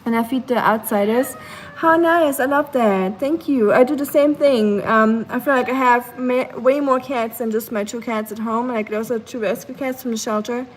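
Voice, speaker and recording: Speaking at a normal pace in a fairly high voice, a young woman chats drowsily on a live stream from her home kitchen. She reads her chat out loud and rambles in a relaxed, chatty manner with plenty of fillers. There is slight background noise, and the recording quality is low.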